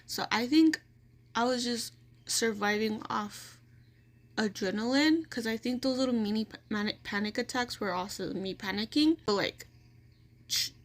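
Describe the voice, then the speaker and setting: A woman's voice: a little high, moderate pace. A woman vlogger casually telling a personal story, rambling with lots of "like" fillers and restarts.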